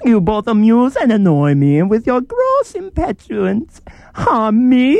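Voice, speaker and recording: A man's voice: very high-pitched, very animated, slow pace, gravelly, a little mellow, no room sound, dull audio, exaggerated voice. A man playing a gloating, grandiose swami villain in a comedy audio drama, with a pompous, theatrical delivery.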